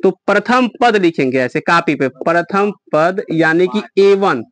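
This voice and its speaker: A man leads a math class, walking through each step and stopping to quiz his students. His voice sits high. The sound is dry and close, with no room echo. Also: expressive, unhurried, a bit bright. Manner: explains step by step, quizzes students. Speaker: math teacher. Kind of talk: classroom lesson.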